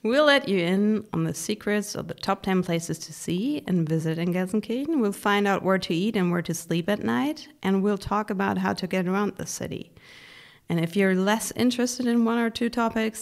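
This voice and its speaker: A woman's voice: medium pitch, normal speed, vocal fry. A woman hosting a podcast, delivering scripted conversational narration in English. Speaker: podcast host.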